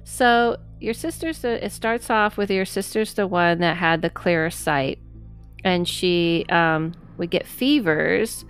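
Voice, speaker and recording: Casting: lower-voiced woman host, chatty and encouraging, casual podcast talk. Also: takes it slowly, smooth, faint music behind. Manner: chatty, affirming, laughs often. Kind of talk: casual interview chat.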